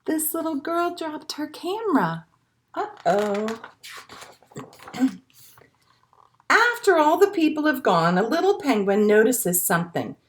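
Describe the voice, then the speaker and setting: Slow and sing-song, with long pauses, a high-voiced woman librarian reads picture books and rhymes aloud to young children. Her animated storytime uses simple, encouraging phrases.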